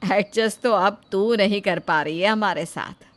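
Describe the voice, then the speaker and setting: A woman voicing a scolding, sharp-tongued older mother-in-law in an animated story. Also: medium pitch, a little slow, close to an everyday voice. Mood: bitter. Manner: scolding, rustic speech.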